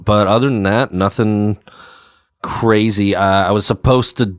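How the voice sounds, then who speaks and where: An American man chatting casually on a podcast, his voice gravelly from a chest cold. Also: lowish voice, fairly even intonation, measured pace, no room sound, studio quality. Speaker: podcast host and stand-up comedian. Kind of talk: casual chat.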